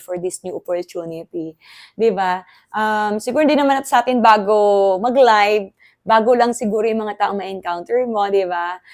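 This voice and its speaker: A Filipino woman vlogging in a casual, excitable way, chatty and quick to laugh. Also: mid-range voice. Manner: chatty, excitable, code-switching, laughs often. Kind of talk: casual vlog chat.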